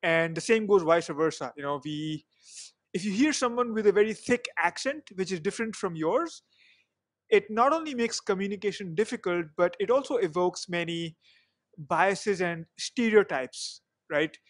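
A young man, not a native English speaker, hosts a podcast over a video call from a small room at home, using a headset microphone. His high voice has lively intonation and a moderate pace, and the casual interview chat is full of "you know" fillers.

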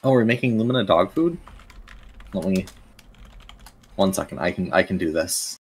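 A man hosting a casual gaming chat with friends, relaxed and chatty, laughing easily. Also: deep voice, normal speed, breathy edge. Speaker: stream host.

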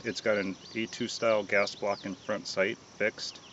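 A man giving a casual, relaxed product review outdoors, hesitant and full of ums and uhs. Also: lowish voice, a little slow, highs cut off, noisy background. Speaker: gun reviewer.

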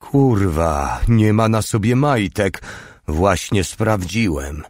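A man's voice: lowish voice, animated, slow, a little mellow, no echo, clean studio sound. A male audiobook reader voicing a crude, leering young soldier who talks in a coarse, mocking way. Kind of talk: audiobook character reading.

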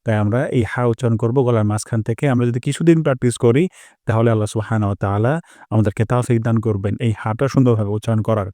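A man teaching a pronunciation lesson for recitation, explaining calmly and stretching each sound out slowly as he demonstrates. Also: medium pitch, dry recording, studio quality. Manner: slow, drawn-out demonstrations of each sound, repeated.

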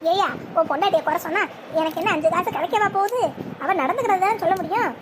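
Woman doing a nasty gloating old granny in a cartoon, super high squeaky voice, rattles off her scolding quick, bit of hiss behind. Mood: scornful. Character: spiteful scheming old grandmother.

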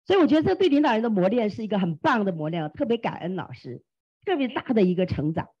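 Woman team leader, motivational testimony, husky and animated, dull lo-fi recording. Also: medium pitch, fast. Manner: animated, exclamatory, acts out quoted dialogue. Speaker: team leader sharing experience. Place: classroom.

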